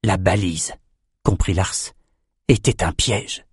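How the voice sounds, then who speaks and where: Male audiobook narrator, low voice, steady measured read, dry studio sound. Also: husky, dry recording. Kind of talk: scripted narration.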